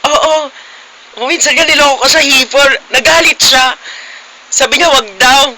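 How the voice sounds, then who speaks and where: A man's voice: extremely high pitch, fairly even intonation, moderate pace, pushed and bright, poor audio. A young man vlogging casually, teasing his friends playfully with frequent giggles. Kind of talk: casual vlog chat.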